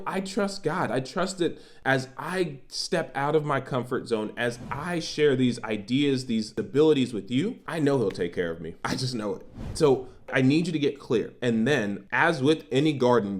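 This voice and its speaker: A man in his thirties, a certified coach, giving an earnest motivational talk to camera and repeating phrases for emphasis. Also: lowish voice.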